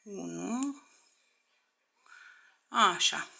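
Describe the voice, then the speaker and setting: A woman's voice: medium pitch, animated, creaky, sharp tone. A woman teaching a crochet tutorial step by step, counting stitches aloud, often under her breath, and checking in with viewers.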